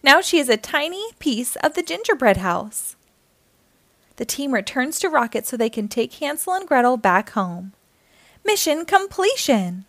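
Her high-pitched voice moves at a measured pace as she hosts storytime for children, reading with animation and encouragement and speaking right to her young audience. There's no echo on the recording.

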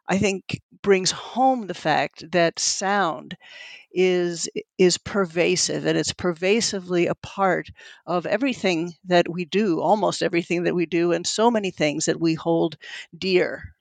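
Speaking as a conversational interview guest, a middle-aged Italian-speaking neuroscientist and lab head answers with earnest thoughtfulness, often groping for words. Her voice is on the low side and creaky, and there's no echo.

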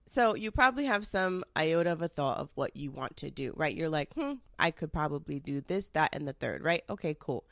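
Talking fast with lively intonation, vocal fry and barely a pause, this low-voiced young woman rambles through her solo podcast, tossing in asides and the odd swear word. She's slightly nasal from a cold, and the recording is dry and studio-grade.

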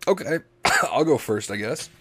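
A man's voice: medium pitch, very animated, unhurried, fairly bright tone. A man co-hosting a podcast in casual chat, telling crude, profane jokes. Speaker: podcast co-host.

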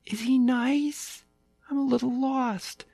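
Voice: sits high, fairly even intonation, slow, gravelly, mellow, no echo, soft background music, pitched above the performer's own voice, full character voice. A storyteller doing a chatty little lost puppy. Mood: eager. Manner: rambling, run-on sentences. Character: small lost male puppy, eager and chatty.

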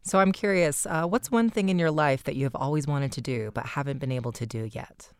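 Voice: medium pitch, fairly quick, clean tone, no room sound, clean studio sound. A podcast host reading a scripted introduction and then asking interview questions in an earnest, conversational way.

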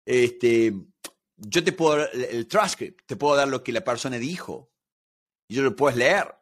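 A man's voice: mid-range voice, expressive, measured pace, fairly bright tone. Rioplatense male guest, negotiation expert, explanatory interview talk built on everyday examples. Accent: Rioplatense Spanish. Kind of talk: conversational interview.

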